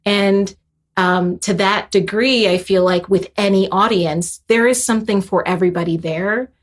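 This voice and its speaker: This composer guest, a young adult woman of Haitian heritage, has a mid-range voice with fairly even intonation and a moderate pace. She reflects thoughtfully in the interview, with frequent fillers and restarts.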